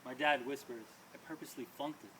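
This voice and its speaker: A man performs his poems at a small live reading, talking fast in a mid-range, bright, forceful voice with fairly even intonation. His delivery is emphatic and rhythmic with casual asides. The recording uses a distant mic in a noisy room.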